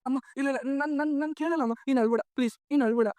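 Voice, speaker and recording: Quick, earnest son in a TV serial, pleading with his mother. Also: extremely high pitch, a little mellow, dry recording. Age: young adult. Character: young son longing for his lost mother. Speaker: college-going son. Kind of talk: TV serial acting.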